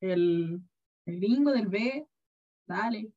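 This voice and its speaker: A young woman with a Chilean accent in casual chat, telling a story with animated asides and acted-out quotes. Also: mid-range voice, slow pace. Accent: Chilean Spanish. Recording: dull lo-fi sound.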